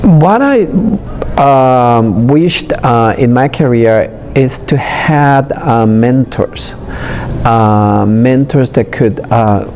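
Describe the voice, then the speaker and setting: A man's voice: mid-range voice, expressive, a little mellow, a little hiss or hum. Hesitant man. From Honduras. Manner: hesitant, frequent pauses and fillers. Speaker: interviewee, public health professional. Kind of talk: conversational interview answers.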